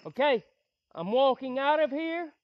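A frightened man filming a ghost-hunting vlog alone outdoors in the woods at night. He speaks on a handheld camera, shifting between hushed, shaky asides to his viewers and loud calls out to a spirit. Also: very high-pitched, expressive, unhurried, dry recording, highs cut off. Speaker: paranormal investigator vlogger.

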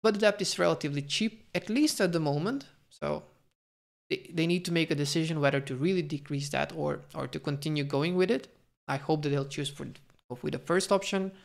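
A young man who hosts a finance channel works through a stock valuation over slides, thinking aloud with fillers, restarts and careful hedging. He talks a little high and fairly quickly, with a creaky voice.

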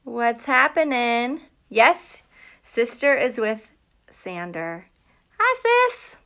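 This middle-aged American woman, an elementary school teacher, has a slightly high voice and draws out her words as she hosts a live read-aloud from a small home room. Animated and talkative, she greets kids by name and asks them questions into a phone or tablet held at arm's length.

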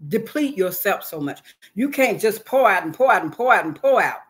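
A woman's voice: mid-range voice, lively intonation, brisk. A woman guest on an interview show, talking casually and earnestly, repeating phrases for emphasis. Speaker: guest, hip hop artist and author.

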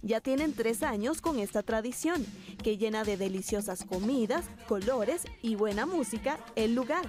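A woman narrating a TV news feature in a smooth, scripted voice-over. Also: fairly high pitch, normal speed. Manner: smooth, steady voice-over delivery. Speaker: TV reporter narrator. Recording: voice-over with music bed.

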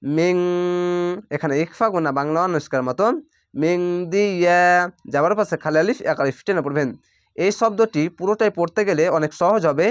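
High-voiced man teaching slow recitation. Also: dry recording, clean studio sound. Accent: Bangladeshi Bengali. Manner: patient, repeats rules, drawls out words slowly. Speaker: Quran reading teacher. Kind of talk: step-by-step recitation lesson.

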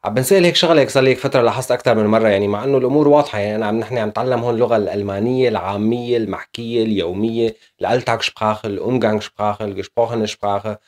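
A man's voice: on the low side, very fast. A man teaching German in a casual video lesson, explaining step by step with frequent fillers.

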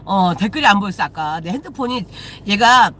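A woman's voice: mid-range voice, animated, brisk, pushed and bright, a little hiss or hum. A woman shaman hosting a casual live stream, chatting with viewers, greeting them and swearing casually. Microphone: phone.

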